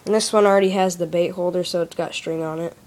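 Her voice sits on the low side with a darkish, steady tone, and she speaks at a quick pace. As a craft demonstrator, she gives a plain, step-by-step how-to at a desk in a small room, recorded on a handheld phone with slight background noise.

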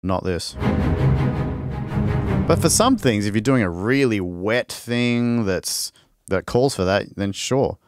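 Loud music plays behind a man casually demonstrating a string sample library on a live stream. He rambles loosely, restarting as he works and answers questions, in a low voice with lively intonation at a slightly slow pace.

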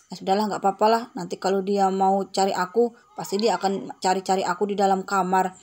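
A woman's voice: medium pitch, flat delivery, fast, a little mellow, lightly acted. A woman voicing a drowsy adult in a game role-play who mutters and grumbles about noise. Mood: sleepy.

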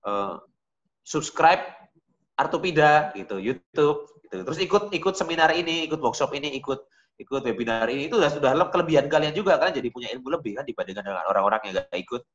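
A man's voice: a little high, lively intonation, fast, highs cut off. A man teaching a beginner digital painting class, talking casually and directly to his students. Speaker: art teacher.

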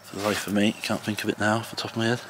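Man, English accent, casual walking tour, self-deprecating chat, bright tone, outdoors, faint distant tractors. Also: lowish voice, little pitch movement, racing, a little hiss or hum. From England. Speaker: homesteader vlogger. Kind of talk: casual walk-and-talk tour. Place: outdoors in a garden and orchard. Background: distant tractors and farm vehicles.

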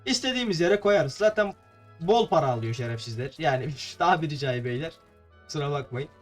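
A man's voice: fairly high pitch, expressive, brisk. A young man from Turkey giving playful, chatty gameplay commentary to his viewers, a little tongue-tied. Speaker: gameplay streamer. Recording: faint game music behind.

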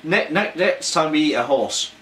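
A man's voice: on the high side, expressive, normal speed. A man co-hosting a casual food taste-test, laid-back with dry jokes. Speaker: food review co-host. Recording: echoey room, faint noise.

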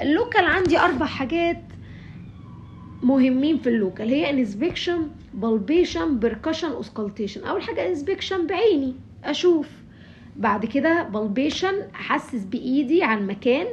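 A woman's voice: high-pitched, lo-fi sound, slight background noise. A young woman with an Egyptian Arabic accent explaining a physiotherapy study sheet, mixing English medical terms into her talk with frequent fillers. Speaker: physiotherapy tutor.

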